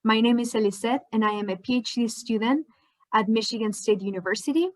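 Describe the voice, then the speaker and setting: In a rough recording, a woman with a highish voice speaks a little fast. She is a PhD student from Spain in her twenties, a native Spanish speaker, narrating an educational slideshow in a friendly manner with frequent fillers.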